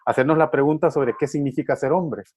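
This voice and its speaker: A man's voice: on the high side, fast talker, a little mellow, breathy edge. A middle-aged man from Honduras who works with men's groups, talking reflectively with frequent fillers and repeated words. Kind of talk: reflective conversation.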